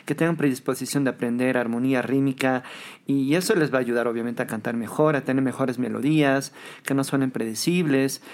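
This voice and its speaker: A young adult Bolivian man with a Bolivian Spanish accent, a pianist chatting in an interview with frequent tag questions. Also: mid-range voice. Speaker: guest musician, pianist. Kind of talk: casual interview talk.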